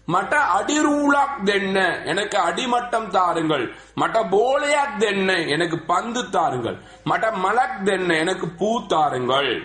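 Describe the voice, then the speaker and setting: A man teaching a spoken language lesson to schoolchildren, drilling word lists slowly and repeating them. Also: high-pitched, fairly bright tone. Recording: echoey room with faint music.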